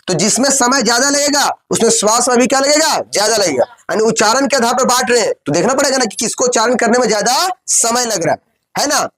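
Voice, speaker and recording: A man teaching a coaching class, firing questions at his students, answering them himself and repeating phrases slowly while dictating. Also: extremely high pitch, lively intonation, a loud crowd. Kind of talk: classroom lesson with call-and-response.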